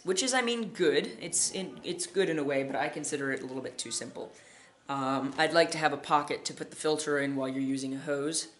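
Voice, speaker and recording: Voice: medium pitch, fairly bright tone, slight background noise. A collector giving a casual product review, talking in a hesitant, self-correcting way. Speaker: gas mask collector and reviewer.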